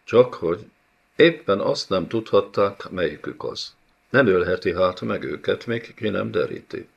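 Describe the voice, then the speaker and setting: Deep-voiced male audiobook narrator. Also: vocal fry, husky, dull audio. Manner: steady, dramatic storytelling. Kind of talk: scripted fantasy narration.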